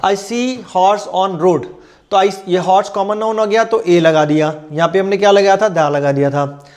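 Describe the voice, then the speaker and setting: A male English grammar teacher with a high-pitched, darkish voice gives an exam-prep lesson. He explains in Hindi, reads the English examples slowly, and asks the class questions he then answers himself.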